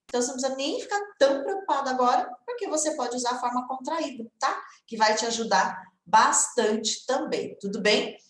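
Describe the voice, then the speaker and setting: Chatty Brazilian woman teaching, bright echoey voice. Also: high voice, animated, brisk, few pauses. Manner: chatty, encouraging, checks in often with "tá?" and "tudo bem?". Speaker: English teacher. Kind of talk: live online lesson.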